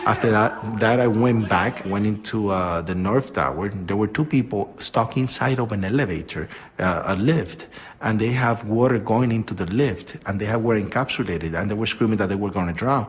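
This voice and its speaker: A middle-aged man giving a steady, matter-of-fact eyewitness account of his workday in an interview. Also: lowish voice, normal speed, husky. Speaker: building worker recounting his experience. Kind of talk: calm eyewitness testimony.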